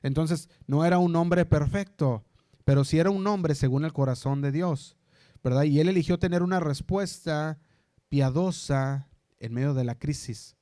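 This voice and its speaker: A male pastor delivering a sermon. He often checks in with the congregation and slows down to stress quoted scripture. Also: on the high side, mellow, no room sound, clean studio sound. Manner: preaching, often asking the congregation "¿verdad?".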